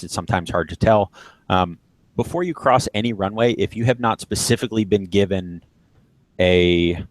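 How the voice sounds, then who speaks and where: In poor, dry audio, a low-voiced man teaching flying walks through radio procedures in a relaxed live session. He goes one step at a time and says key things again for emphasis.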